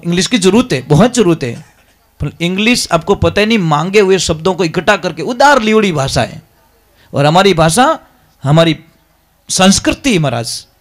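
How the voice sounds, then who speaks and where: A man's voice: high voice, a bit bright. A man preaching a devotional sermon, emphatic and repeatedly calling his listeners maharaj. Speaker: religious preacher.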